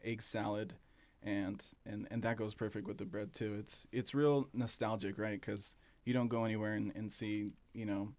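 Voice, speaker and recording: A man talking as an interview guest about his café, relaxed and rambling, with plenty of fillers and restarts. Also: on the low side, normal speed, no echo. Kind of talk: casual interview chat.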